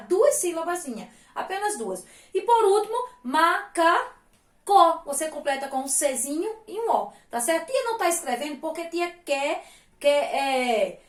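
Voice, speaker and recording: High-voiced teacher, patient sing-song. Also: female voice, echoey room. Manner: patient, sing-song, drawing out words syllable by syllable with diminutives. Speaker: primary school teacher. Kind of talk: recorded remote class for young children.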